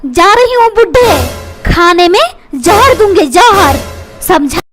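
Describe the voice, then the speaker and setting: A woman voicing a dramatic middle-aged mother in a comic cartoon, complaining and snapping back in a squeaky, very high voice. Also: expressive, takes it slowly, full character voice. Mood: snappish. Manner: complaining, self-pitying. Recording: very loud music underneath.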